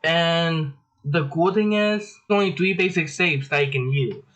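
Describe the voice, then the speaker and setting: A young man talks through a drawing tutorial at an unhurried pace, in a casual, rambling, self-deprecating way. His voice is bright and a little high for a man. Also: poor audio.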